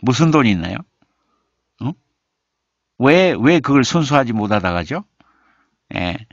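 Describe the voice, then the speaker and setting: A man hosting a live stream as a writing teacher reads viewers' comments and coaxes them, then mutters and repeats lines while revising their poems aloud. His medium-pitched voice swings widely and runs a little slow, on a dry recording with the highs cut off.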